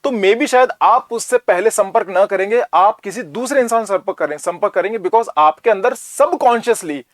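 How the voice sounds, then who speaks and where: A man's voice: high-pitched, lively intonation, moderate pace, dry recording. A man from North India lecturing as a teacher, talking in a conversational way and often asking rhetorical questions. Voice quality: Hindi mixed with English, conversational.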